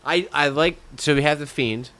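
A man's voice: on the high side, moderate pace, sharp tone. A man co-hosting a podcast, giving wisecracking, slangy reactions in casual chat. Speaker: podcast co-host.

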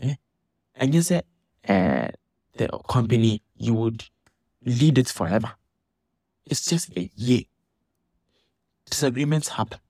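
A man giving an animated, indignant monologue, restarting his sentences often. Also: mid-range voice, a little slow, pauses often, husky, dry recording, studio quality. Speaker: church member commenting on a dispute. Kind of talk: casual monologue vlog.

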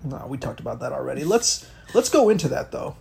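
A man's voice: medium pitch, big pitch swings, a little fast, creaky, a little mellow, husky. A young man from Miami co-hosting a podcast, ranting about politics in casual, profane talk full of restarts. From Miami, Florida. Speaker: podcast co-host.

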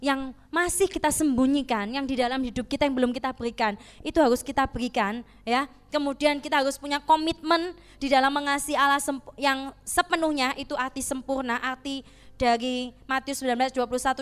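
A woman preaching a sermon, rising to loud emphatic appeals and dropping to hushed, intimate asides. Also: high-pitched, clear, resonant tone.

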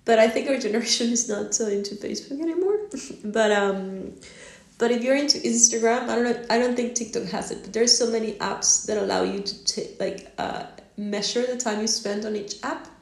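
A woman's voice: fairly high pitch, a little fast, roomy sound. A woman talking casually on her own into a phone on a stand, rambling with lots of fillers and laughs. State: yawning, drowsy. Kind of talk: casual solo talk.

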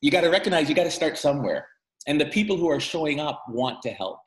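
A man's voice: fairly high pitch, big pitch swings, quick pace. A middle-aged man from Guyana, a guest speaking candidly and emphatically over a video call, his voice climbing sharply when he gets angry. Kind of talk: candid interview conversation. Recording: echoey room over a call.

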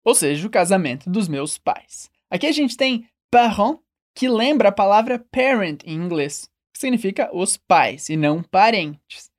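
A Brazilian woman leads a French lesson in Portuguese, drilling short phrases. She says each model sentence slowly and with careful pronunciation, then prompts the listener to repeat. Her voice sits at an ordinary middle pitch for a woman. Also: expressive. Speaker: French teacher.

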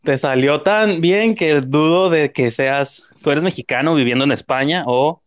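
A man's voice: on the high side, unhurried. A man hosting a casual show in an easygoing manner, introducing listeners' audio messages. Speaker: host. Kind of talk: casual chat.

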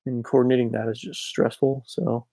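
A tired young man co-hosting a casual podcast over a voice call, speaking low-key with many filler ums. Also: level tone, brisk, mellow, no echo, studio quality. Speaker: podcast co-host. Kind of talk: casual chat. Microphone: Discord voice call.

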